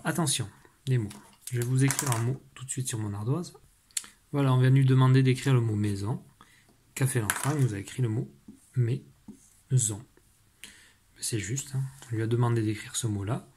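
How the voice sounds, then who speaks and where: A man's voice: mid-range voice, dark tone, a little hiss or hum. A male teacher explaining a reading and writing exercise to parents step by step, with frequent fillers and restarts. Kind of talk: recorded lesson for parents.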